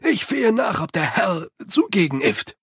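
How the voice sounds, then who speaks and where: A man voicing a grumbling, hunched male manservant who speaks in loud, emphatic bursts. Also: high-pitched, very animated, measured pace, slightly rough, dry recording, clean studio sound, pitched above the performer's own voice, full character voice. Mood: gruff.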